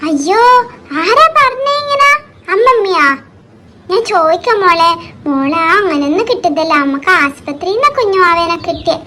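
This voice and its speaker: A woman's voice: extremely high pitch, expressive, normal speed, pushed and bright, exaggerated voice. A woman voicing a caring young mother in a cartoon, soothing and fussing over her crying daughter. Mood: reassuring. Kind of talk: cartoon voice acting.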